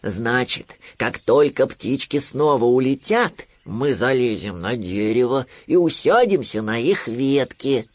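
A man voicing a gloomy, sluggish male bear cub who speaks slowly with sighs. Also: medium pitch, expressive, dry recording, lightly acted. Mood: thoughtful. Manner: slow, sighing, glum.

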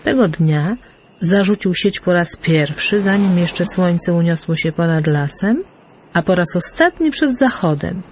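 A woman narrating a fairy tale in an expressive, lilting storyteller manner. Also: fairly low pitch, a little slow, a little hiss or hum. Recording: faint background music.

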